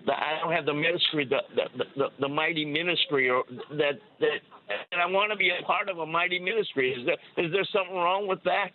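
Male caller on a bad cell line that cuts in and out, tinny, stammers and rambles, voice sits a touch high. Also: fairly quick. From Missouri. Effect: cell phone call breaking up. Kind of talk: call-in chat on a religious show. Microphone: cell phone. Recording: tinny phone line, dropping out.

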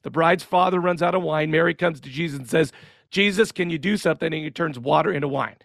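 Host, man, high voice with gravel, wry segment intros, dry close mic. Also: quick pace, a bit bright, dry recording. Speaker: podcast host. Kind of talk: casual commentary on sermons.

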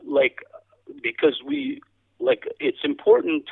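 Man, casual interview guest, halting folksy storyteller, very animated pitch, unhurried pace, thin radio-like recording. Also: gravelly. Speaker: cowboy poet, podcast guest. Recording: thin band-limited radio or phone-like sound.

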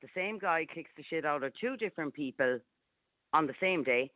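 A woman's voice: sits low, animated, normal speed, no room sound. A woman in her fifties with a Galway, west of Ireland accent, speaking bluntly and emphatically as a caller on a radio phone-in. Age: 50s. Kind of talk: casual, opinionated phone-in chat. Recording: dull phone line on radio.

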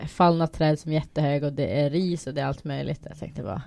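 A young woman telling animated stories in casual chat, acting out quoted shouts and laughing often. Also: deep voice, creaky, no echo. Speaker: guest.

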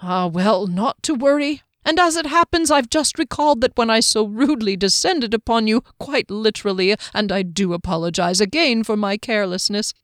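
A woman voicing a small, tipsy, overly polite male halfling gentleman who rambles fussily. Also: mid-range voice, normal speed, hardly any pauses, dry recording, clean studio sound, lightly acted. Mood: genial rambling.

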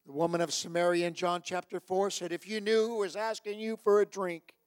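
Male preacher, fairly high voice, sermon delivery, exhorting and repetitive, hushed to loud dynamics, dry close sound. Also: little pitch movement, brisk, no room sound. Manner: exhorting, repeats phrases for emphasis; swings from hushed to shouting. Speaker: pastor preaching to a church congregation. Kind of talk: sermon with altar call.

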